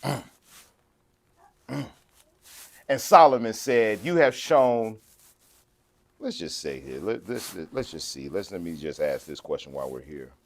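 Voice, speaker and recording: A man preaching a sermon, conversational, shifting between quiet asides and loud, slow scripture reading. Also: lowish voice, sing-song. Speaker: pastor.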